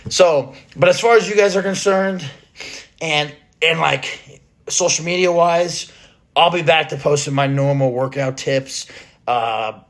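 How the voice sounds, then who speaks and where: Still breathless from being sick, a fitness creator offers a casual update to his followers in a slightly high voice. He hesitates and rambles, filling gaps and starting sentences over.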